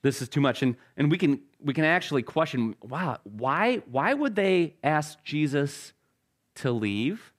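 Slow-paced and very animated, a middle-aged male pastor preaches in a voice on the high side. The sermon is casual and chatty, with self-deprecating humor and plenty of repeated words as he restarts his phrases.

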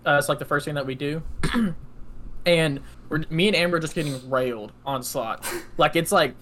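A man's voice: on the high side, normal speed, a bit bright, a little hiss or hum. A nineteen-year-old man, telling a long casual story on a podcast, rambling and filling every gap with "like". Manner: rambling, heavy use of "like", laughs often. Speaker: podcast co-host.

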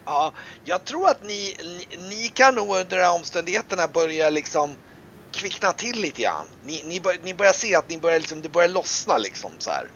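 Gravelly game master man, lo-fi recording. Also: big pitch swings, fairly bright tone. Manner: rambling, many fillers. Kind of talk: narrating a tabletop game. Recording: dull lo-fi sound with faint rumble.

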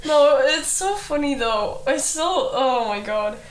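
A woman's voice: high-pitched, animated, slow pace. A young woman, likely a teenager, chatting as a podcast guest, rambling with lots of "like", laughing and swearing freely. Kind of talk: casual podcast chat. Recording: echoey room with noticeable noise.

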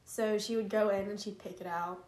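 A woman's voice: mid-range voice, steady tone, normal speed, a little mellow, reverberant, slight background noise. A young woman co-hosting a casual family podcast, chatting in a rambling way with lots of fillers. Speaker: podcast co-host.

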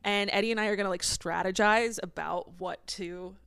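A woman's voice: medium pitch, steady tone, moderate pace, vocal fry, a bit bright, clear, resonant tone, no echo. A young woman co-hosting a podcast in casual chat, giggly and laughing often. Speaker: podcast co-host.

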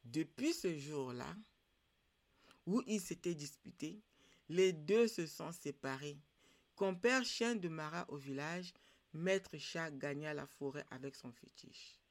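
Lady telling an old folktale on her podcast, slow and careful, lowish voice. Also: expressive. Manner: measured, deliberate. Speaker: storyteller, podcast host. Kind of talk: traditional folktale narration.

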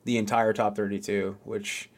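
A man's voice: fairly low pitch, flat delivery, moderate pace. A man co-hosting a podcast, chatting casually and rambling with lots of restarts and fillers. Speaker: podcast co-host. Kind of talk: casual chat.

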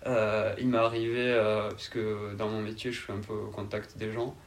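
A man in his twenties with a southern French accent, answering interview questions in a calm, laid-back and hesitant way. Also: on the low side, moderate pace, gravelly. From south of France. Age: 20s. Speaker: interview guest.

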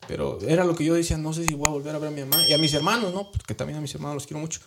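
A man's voice: fairly high pitch, fairly even intonation, rapid-fire, vocal fry, noisy background. A man with a Mexican accent, a guest earnestly recounting a personal story in colloquial, emotional speech. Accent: Mexican Spanish. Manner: earnest, colloquial, with frequent tag questions and restarts.

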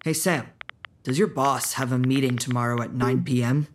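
A performer voicing an anxious, guilt-ridden young male vampire fledgling in an audio drama, earnest and quick to worry. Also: mid-range voice, fairly even intonation, slight background noise, close to an everyday voice.

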